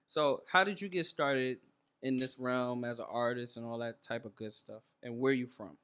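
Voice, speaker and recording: A man's voice: medium pitch, fairly even intonation, normal speed, fairly bright tone, clear, resonant tone. Joking, slang-heavy podcast host man. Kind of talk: casual podcast chat.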